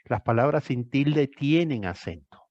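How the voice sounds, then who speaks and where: A man's voice: mid-range voice, lively intonation, a little slow, darkish tone, no room sound, muffled recording. An older man tutoring a student one on one, emphatic and repeating phrases for stress. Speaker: thesis tutor.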